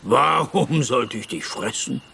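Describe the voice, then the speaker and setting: A man voicing a big, good-natured male bear who talks slowly and rambles. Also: medium pitch, expressive, gravelly, sharp tone, a little hiss or hum, heavily acted. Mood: kindly.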